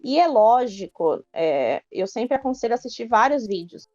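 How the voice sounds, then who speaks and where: Speaking as a podcast guest on public speaking, this Brazilian woman gives hands-on advice in a chatty way, explaining as she goes and dropping in many filler tags. Her voice is on the high side, very animated, moderately paced and darkish. The lo-fi recording has no echo, with faint music behind her.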